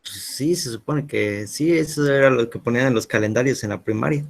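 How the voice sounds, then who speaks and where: A man's voice: medium pitch, a little fast, creaky. Man student, joking and distracted, slightly off-mic.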